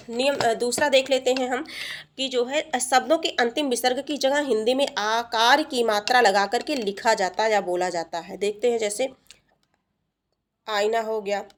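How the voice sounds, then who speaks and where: A woman with a fairly high voice runs an exam-prep grammar lesson. She explains patiently, repeating each point and pausing on fillers. She often poses a question to her students and answers it herself. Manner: asks the class questions and answers them herself. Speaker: teacher.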